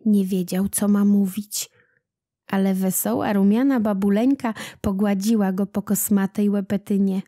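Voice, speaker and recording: A woman narrating a children's legend aloud in a slow, deliberate storytelling manner. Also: medium pitch, fairly even intonation, dark tone, no room sound, clean studio sound. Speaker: narrator, audiobook reader.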